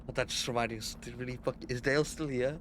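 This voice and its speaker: A man's voice: mid-range voice, steady tone, racing, fairly bright tone, a little hiss or hum. A young man streaming a game, chatting casually with viewers and swearing a lot. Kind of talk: casual live-stream chat.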